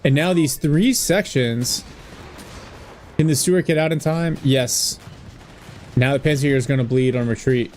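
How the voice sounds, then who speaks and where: A man's voice: mid-range voice, moderate pace, pauses often, a little mellow, a little hiss or hum. Laughing male strategy-game caster. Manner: laughs often, drops into a mock German voice. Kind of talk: casual game commentary.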